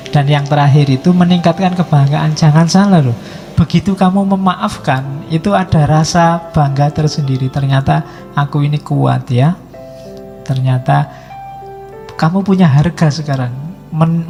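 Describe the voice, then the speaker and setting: A man's voice: a little high, warm tone, big-room sound. A man giving a casual philosophy lecture at a mosque study session, acting out quarrels in quoted voices. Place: mosque hall.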